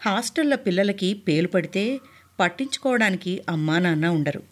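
A woman's voice: on the low side, animated, normal speed. A woman narrating a first-person memoir in an earnest, heartfelt storytelling manner. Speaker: audiobook narrator.

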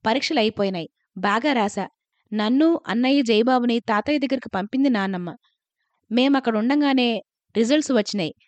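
A woman reading a first-person story aloud in a calm, measured narration. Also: a little high, dry recording.

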